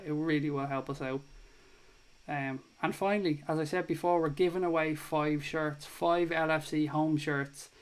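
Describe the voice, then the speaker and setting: Irish man, thirties, live-stream host, fairly high but flat voice, chatty and casual. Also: smooth. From Ireland. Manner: chatty, swears casually, thanks viewers warmly. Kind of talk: casual live-stream chat reading viewer comments.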